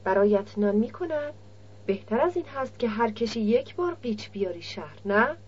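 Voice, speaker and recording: A woman's voice: on the high side, expressive, darkish tone, husky. A woman reading the lines of a shrewd, teasing village middleman in an audiobook. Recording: dull lo-fi recording.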